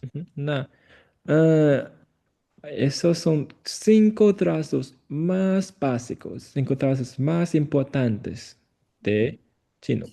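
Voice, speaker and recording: Slow, gravelly-voiced male Chinese tutor. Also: a little high, animated. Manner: slow, repeats phrases, gentle corrections. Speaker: Chinese teacher. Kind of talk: patient one-on-one language lesson.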